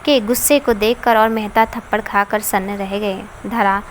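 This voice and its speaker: A woman reading a dramatic family story aloud as the narrator, in a steady, dramatic reading voice. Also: mid-range voice, moderate pace, a little hiss or hum. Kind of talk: scripted narration.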